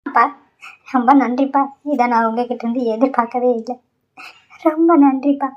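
A woman's voice: sits high, fairly even intonation, moderate pace, lightly acted. A woman voicing a worried young daughter in a cartoon, pleading tearfully with her father. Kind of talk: Tamil cartoon voice acting. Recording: dull lo-fi audio.

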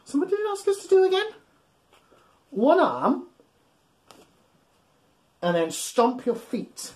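His voice extremely high, slightly mellow and wildly swooping in pitch, a man in his thirties reads a bedtime story to young children. Recorded in a small home room packed with soft toys, he plays it up encouragingly, pausing and asking questions.

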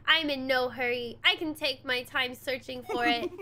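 A woman's voice: high voice, moderate pace, pushed and bright. A woman voicing a menacing, power-hungry villain sorcerer in a video game.

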